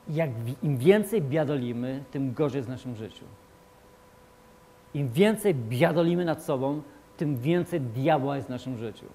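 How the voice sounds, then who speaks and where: A man preaching a sermon as pastor, emphatic and repetitive, swinging between loud declarations and quiet asides. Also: mid-range voice.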